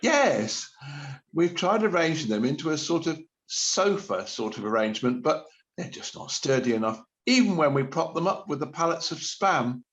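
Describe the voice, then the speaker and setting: Speaking at normal speed, a man with a fairly high, fairly bright voice makes big swings in pitch. He's voicing a radio-play character, an awkward and sheepish supermarket panic-buyer who stammers, hesitates and avoids giving straight answers. The recording has a slightly dull, lo-fi quality.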